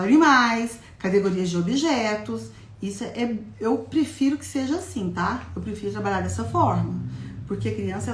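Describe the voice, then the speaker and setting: A woman's voice: medium pitch, a little hiss or hum. A woman giving a live teaching talk to an audience, explaining step by step and often asking them questions. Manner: demonstrates syllables in a lively, childlike classroom voice. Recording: echoey room sound.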